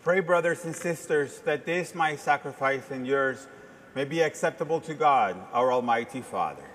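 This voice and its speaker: A man's voice: medium pitch, fairly bright tone. Male priest praying in cathedral echo. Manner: measured, formal delivery in short phrases. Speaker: priest celebrating Mass. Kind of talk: liturgical prayer, solemn recitation. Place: large reverberant church. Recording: cathedral-like echo, long church reverb, background noise.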